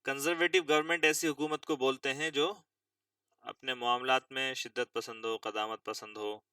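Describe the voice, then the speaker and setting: Bright-voiced male English tutor, far from mic. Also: medium pitch, little pitch movement, smooth, dry recording. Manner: slow drawn-out reading of English phrases, spells words aloud. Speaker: English teacher. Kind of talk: vocabulary lesson explaining English news words.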